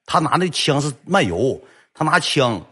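A young man telling a comic story, lively and animated, acting out the quoted lines. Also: a little high, normal speed, breathy edge.

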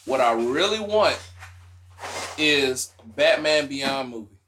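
Animated Southern podcast host, bright voice. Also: male voice, medium pitch, takes it slowly, a little hiss or hum. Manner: animated, laughs often, says "bruh" a lot. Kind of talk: casual chat.

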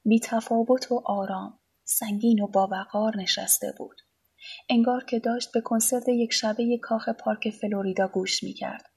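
A woman narrating a literary novel in quiet, measured storytelling, sometimes dropping near a whisper. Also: fairly high pitch, fairly even intonation, vocal fry, breathy edge. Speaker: audiobook narrator.

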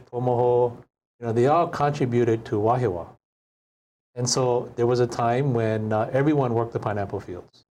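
A man in his sixties from Hawaii, a chef guest telling stories in an unhurried, reflective way in a studio interview. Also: medium pitch, dark tone, a little hiss or hum. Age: 60s. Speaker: chef and restaurant owner guest. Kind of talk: casual interview storytelling.

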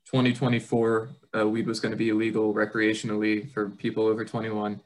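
A young man co-hosting a casual political podcast, speaking in a measured way with frequent "um" as he moves the topics along. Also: lowish voice, monotone, rough recording. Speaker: podcast co-host.

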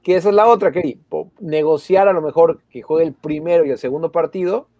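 Dark-voiced man talking football. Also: a little high, fast, no echo. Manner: chatty, with hesitations and repeated words. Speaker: football correspondent. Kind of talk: casual sports talk. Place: abroad, in the Netherlands.

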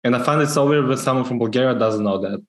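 A man from Macedonia co-hosting a casual podcast, telling stories in a relaxed way and laughing at himself. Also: mid-range voice, very fast. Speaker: podcast co-host. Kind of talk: casual chat. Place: Edinburgh. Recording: echoey room.

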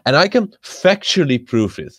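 A man's voice: on the high side, big pitch swings, moderate pace, a crowd in the background. A young man from the Netherlands chatting casually, hesitant with many restarts and a playful streak. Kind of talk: casual podcast chat.

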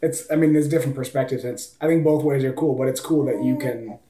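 A man's voice: medium pitch, steady tone, fairly quick, crowd noise. A man hosting a casual interview, thoughtful and conversational. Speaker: host. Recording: echoey room, distant from the mic.

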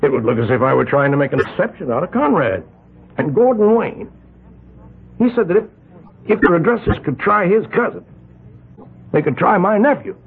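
A heavily acted, very animated performance: an actor voices a rich older island patriarch, the community's leader, stammering and rambling over his excuses in a 1970s radio drama. The voice is high, gravelly and breathy-edged, at normal speed with frequent pauses, and the broadcast sounds tinny and lo-fi.

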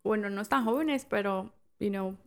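A woman's voice: mid-range voice, normal speed, creaky. A woman with a Chicano accent chatting casually, moving back and forth between Spanish and English.

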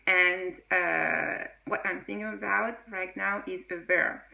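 A woman's voice: fairly low pitch, fairly even intonation, takes it slowly, vocal fry, bright, forceful tone. A woman teaching English in a casual video lesson, chatty with many fillers and frequent laughs.

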